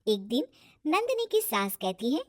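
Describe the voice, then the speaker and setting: High, lively woman storyteller. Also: normal speed, no echo, studio quality. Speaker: narrator. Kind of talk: scripted storybook narration.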